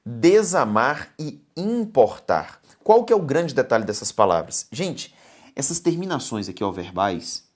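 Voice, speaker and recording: A woman's voice: very deep voice, sing-song, measured pace, a little mellow. A Brazilian woman teaching a grammar lesson for exam prep. She stresses points emphatically, keeps asking students to look and pay attention, and calls them "my dears". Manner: affectionate, calls viewers "my dears".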